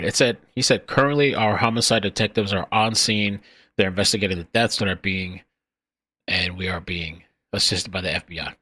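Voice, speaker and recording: Lowish-voiced man, halting news commentary. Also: sharp tone, dry recording. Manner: halting, informal. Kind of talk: casual off-the-cuff news commentary. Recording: noisy with low hum.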